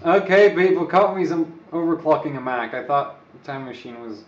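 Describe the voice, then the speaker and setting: Rambling, joking, and muttering to himself, a man who isn't a native English speaker entertains viewers on a live stream. His fairly high voice is expressive and paced normally. The audio is dull and lo-fi, captured away from the mic in a room with echo.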